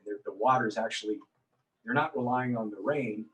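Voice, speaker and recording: A man's voice: fairly low pitch, moderate pace, a bit bright, recorded from a distance, dull audio. A man hosting a casual interview, rambling loosely with fillers. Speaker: radio talk show host.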